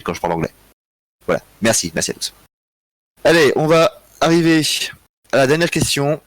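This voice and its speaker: A man's voice: medium pitch, no room sound. Tired guy running a history quiz on stream, chuckles a lot, dry mic. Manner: relaxed, joking, chuckles often, thinks aloud. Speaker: quiz host. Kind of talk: live-streamed history quiz, reading chat answers.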